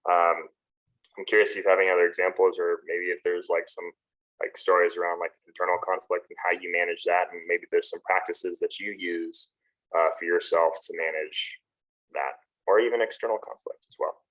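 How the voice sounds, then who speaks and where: A man's voice: low-pitched, level tone, a little fast, a bit bright, rough recording. A male podcast co-host asking questions hesitantly, with lots of "um" and "like". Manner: hesitant, many fillers like "um" and "like". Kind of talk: casual interview chat.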